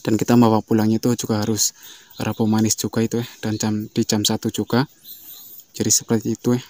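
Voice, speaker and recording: A man hosting a beekeeping vlog, explaining in a casual, rambling way and often filling pauses with "eh" and "ya". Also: fairly low pitch. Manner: fast, flat, repeats fillers like "ya" and "eh". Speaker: beekeeping channel host.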